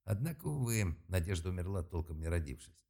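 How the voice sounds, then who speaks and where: A man narrating an audiobook in a steady, measured reading voice. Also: low voice, vocal fry. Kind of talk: scripted narration.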